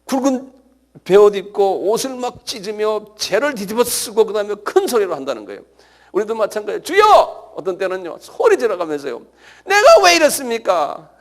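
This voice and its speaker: A middle-aged pastor with a high voice preaches an animated sermon. He breaks into sudden cries and calls out to the congregation for responses.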